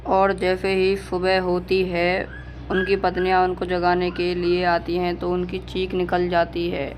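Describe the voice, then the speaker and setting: A storybook narrator for a cartoon horror tale, speaking in a strikingly flat, unvarying tone. The delivery is plain and even throughout. A faint noise hangs behind the voice. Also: medium pitch, unhurried.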